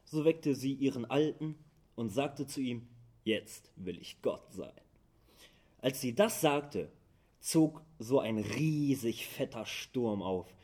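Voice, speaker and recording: Slow husky man narrating in slang. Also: medium pitch, warm tone. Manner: colloquial youth-slang narration. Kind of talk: slang retelling of a fairy tale.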